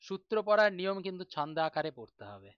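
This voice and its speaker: A male teacher giving a grammar class, patient and reassuring, slowly chanting lists of syllables aloud. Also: high-pitched, lively intonation, smooth, no room sound, lo-fi sound.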